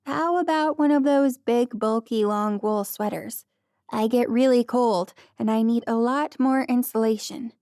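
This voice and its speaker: A modest young woman, flustered and pleading, out of her depth, as a woman narrator reads her. Her voice sits fairly high and the recording is dry and close. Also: unhurried, dark tone, no echo. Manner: pleading, self-deprecating.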